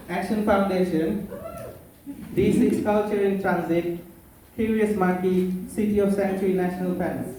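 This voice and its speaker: Young Bangladeshi man, a bit high-voiced, earnest public speaker; distant mic, faint room hum. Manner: earnest, non-native phrasing, playful asides. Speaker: conference keynote speaker. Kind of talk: public speech. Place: conference room. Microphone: far from the mic. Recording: echoey room, mic far off.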